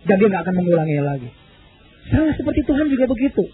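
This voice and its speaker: Male pastor telling a story from the pulpit, high voice, swings up and down, thin phone-like sound. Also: very animated, very fast, soft background music. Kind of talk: sermon storytelling.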